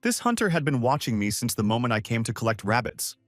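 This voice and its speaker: A man's voice: medium pitch, sing-song, fast, a bit bright, no room sound, studio quality, faint music behind. A man voicing a worried, earnest male agent explaining matters.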